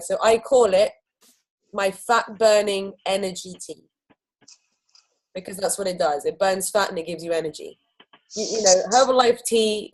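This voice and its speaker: Woman, husky voice, upbeat persuasive training talk. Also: mid-range voice, rough recording. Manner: enthusiastic and persuasive, acts out customer exchanges. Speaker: host of a sales training video.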